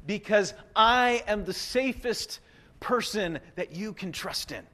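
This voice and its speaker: A man voicing Jesus as a gentle figure who questions frightened disciples, earnest and pleading. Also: high voice, expressive, slow pace, pitched above the performer's own voice, full character voice.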